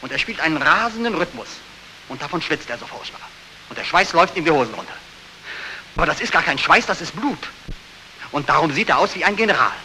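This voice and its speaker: Haunted young soldier, high-pitched, feverish, militarily deferential, 1940s film drama, hissy old soundtrack. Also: male voice, lively intonation, fairly quick, sharp tone, full character voice, poor audio. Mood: haunted, strained. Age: young adult. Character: haunted, sleepless young soldier back from war. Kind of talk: 1940s German film acting.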